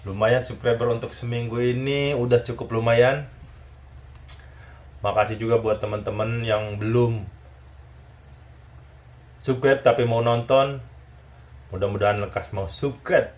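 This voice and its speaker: A man's voice: mid-range voice, fairly even intonation, a little slow, long pauses, a little mellow. A man hosting a casual chat interview, talking in a teasing, chatty way and often seeking agreement. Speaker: YouTube channel host.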